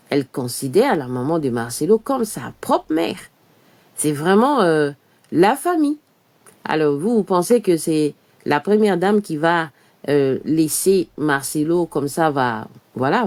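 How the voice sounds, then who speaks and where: An online news presenter delivers live commentary to camera outdoors in front of a church, her low voice a little mellow. She's emphatic and rhetorical, with plenty of filler.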